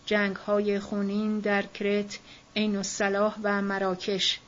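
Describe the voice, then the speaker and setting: Woman reading a novel aloud, measured. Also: medium pitch. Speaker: audiobook narrator. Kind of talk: scripted literary narration. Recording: dull lo-fi recording.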